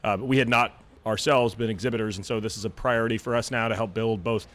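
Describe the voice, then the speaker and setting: A man's voice: on the low side, steady tone, fast, fairly bright tone. A man being interviewed on live radio as a company president, earnest and repeating words as he thinks.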